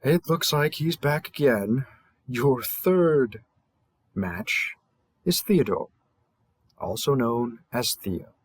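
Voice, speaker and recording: In a scripted audio roleplay, a man plays a cheerful, polite dating-app host, welcoming listeners in a courteous, measured, salesman-like presenter style. His medium-pitched voice is expressive and husky, the recording is dry, and the mood comes across as wry and informative.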